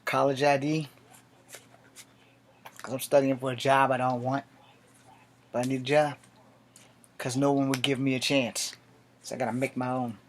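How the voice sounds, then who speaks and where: A man's voice: mid-range voice, level tone, moderate pace, long pauses, a little hiss or hum. A man in his late forties, an army veteran, speaking a blunt, profane and defiant personal monologue to camera. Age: 40s.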